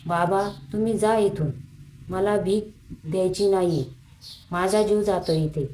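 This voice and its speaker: A woman's voice: medium pitch, a little slow, mellow, slight background noise, natural voice, rough recording. A woman voicing a desperate, grieving young father in anguish. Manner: anguished, pleading.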